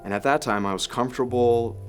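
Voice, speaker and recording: A Ukrainian pastor in his thirties tells his story in a testimony interview, earnest and reflective. His voice is medium in pitch and he talks fast, with a music bed playing under his voice.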